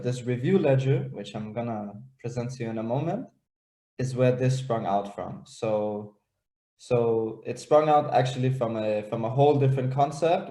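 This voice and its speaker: A man's voice: medium pitch, warm tone, roomy sound. A young man from Denmark and Israel, a startup founder presenting on a video call, talking hesitantly with many fillers and restarts.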